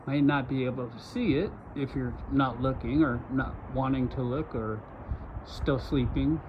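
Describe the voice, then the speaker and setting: A man from Arizona talking in an urgent, repetitive, emphatic way for his vlog, recorded outdoors by a road. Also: mid-range voice. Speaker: vlogger. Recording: lo-fi with loud outdoor noise.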